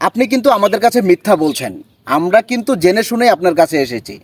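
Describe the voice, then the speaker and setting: A man's voice: sits high, sing-song, fast talker, no echo. A man interviewing in formal standard Bengali, speaking as a presenter and praising his guest. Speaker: interviewer, journalist.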